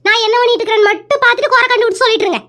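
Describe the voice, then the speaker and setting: A woman's voice: very high-pitched, fairly even intonation, racing, pushed and bright. A woman performing a nagging, sarcastic wife in a comedy sketch. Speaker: comic sketch actor playing a wife.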